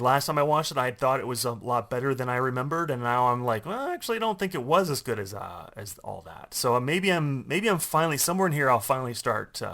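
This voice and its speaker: A man's voice: medium pitch, bright, forceful tone. A man talks through his opinions at an easy, conversational pace on a podcast. He rambles and corrects himself as he goes, his voice sitting in an ordinary middle register. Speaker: podcast co-host. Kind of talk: casual film discussion.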